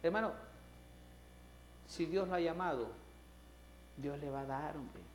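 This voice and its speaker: A man preaching with a fairly high voice, surging to loud emphatic lines and then dropping to quiet asides. The sound rings with the reverb of a roomy church. He sounds like a pastor addressing his congregation in a live sermon. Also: measured pace, a little hiss or hum. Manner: animated preaching, swings between loud emphasis and soft asides, acts out quoted voices. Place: church sanctuary.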